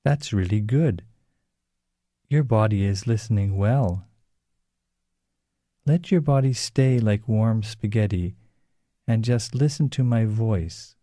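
A man gently leading children through a slow, soothing guided relaxation exercise. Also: medium pitch, no room sound, clean studio sound.

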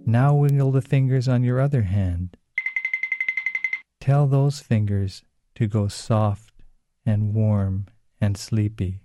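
A man gently leading children through a slow, soothing guided relaxation exercise. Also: lowish voice, music in the background.

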